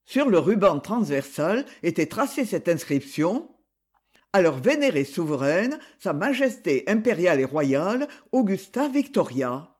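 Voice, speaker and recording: A man reading a historical story aloud as scripted narration, giving the dialogue expressive voices. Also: sits high, measured pace, slightly rough. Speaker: audiobook narrator.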